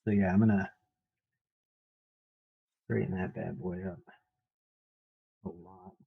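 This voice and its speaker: A man's voice: low-pitched, steady tone, slow, gravelly, husky, narrow, tinny audio. A man tattooing while he talks, mumbling casually with wry, sarcastic asides. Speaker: tattoo artist. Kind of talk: casual talk while working. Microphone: stand mic set for standing.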